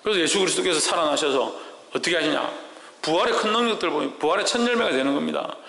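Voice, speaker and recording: A male pastor preaches in a church sanctuary, his voice set a little high and pushed forward with a tense, forceful edge. He keeps asking his listeners questions and answering them himself, and every line rings out through a roomy hall with a long, echoing tail. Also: lively intonation, fast, vocal fry. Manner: asks the congregation rhetorical questions and answers them. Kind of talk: sermon.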